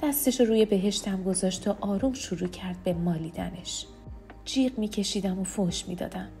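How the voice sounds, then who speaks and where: A woman reading a novel aloud in the first person, with steady, hushed narration. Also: medium pitch, gravelly, soft background music. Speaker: audiobook narrator.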